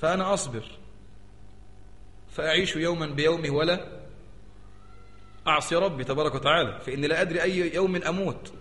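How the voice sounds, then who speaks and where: A man's voice: a little high, brisk, long pauses. A man with an Egyptian Arabic accent, a sheikh giving a religious lecture and keeping his audience engaged with rhetorical questions. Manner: animated, keeps asking the audience rhetorical questions. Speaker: sheikh teaching jurisprudence. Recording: echoey hall with long reverb.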